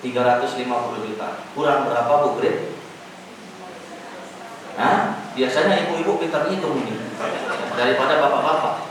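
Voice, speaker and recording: A middle-aged male pastor preaching a storytelling sermon, swinging from hushed asides to loud, rising emphasis. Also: medium pitch, normal speed, pauses often, crowd noise. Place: church hall. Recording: echoey church hall from far off.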